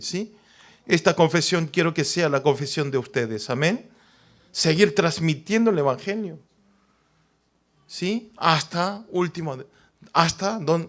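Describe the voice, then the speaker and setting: High-voiced preacher checking in with his flock. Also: fairly bright tone. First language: Korean. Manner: emphatic, keeps asking the congregation "right?". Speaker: pastor. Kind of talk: sermon.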